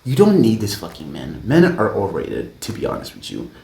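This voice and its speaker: A man giving excitable, gushing commentary while reacting to an album, swearing freely as he talks. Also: fairly low pitch, brisk, gravelly. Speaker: music reaction vlogger. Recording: roomy echo with faint music playing.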